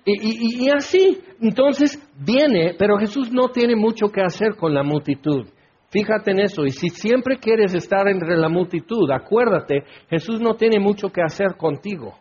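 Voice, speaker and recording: Animated high-voiced male preacher. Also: a little slow, husky. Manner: animated, acts out crowds and voices. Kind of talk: sermon. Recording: dull lo-fi recording.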